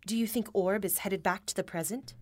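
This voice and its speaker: A woman's voice: mid-range voice, fairly quick, no room sound, lightly acted. Woman as sensible space crewmate, earnest, concerned, dry close sound, audio drama.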